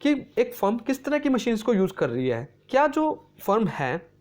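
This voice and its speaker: A man teaching an exam-prep lesson, mixing English terms into his explanations, often checking in with "okay" and reading English definitions out slowly. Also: very high voice, big pitch swings, darkish tone. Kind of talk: explanatory lecture.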